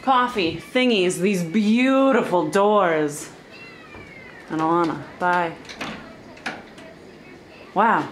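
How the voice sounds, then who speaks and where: A young woman casually vlogging and giving a room tour at a resort, chatty and excited. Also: lowish voice, very slow, long pauses. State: winded from stairs. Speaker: vlogger filming a resort trip. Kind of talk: casual vlog chat. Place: hotel resort, indoors and outdoors. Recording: noisy handheld camera audio.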